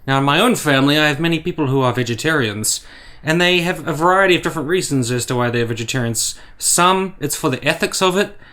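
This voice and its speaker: A man's voice: a little high, fast, sharp tone. A man giving blunt, sarcastic, profane opinion commentary for a vlog. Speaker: commentary YouTuber.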